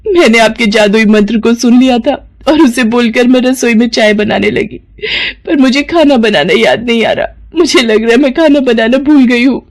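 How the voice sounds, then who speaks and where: A woman's voice: fairly high pitch, moderate pace, voice pushed up, lightly acted. A woman voicing an anxious, remorseful young sister-in-law in a cartoon, with a manner of rising panicky questions. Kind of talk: cartoon voice acting.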